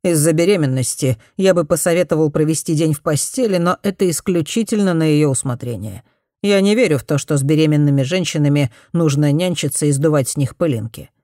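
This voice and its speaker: A woman reading an audiobook, voicing a blunt, matter-of-fact male doctor in a slightly lower voice. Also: a little fast, mellow, no room sound, studio quality, close to an everyday voice. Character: blunt plain-spoken male country doctor.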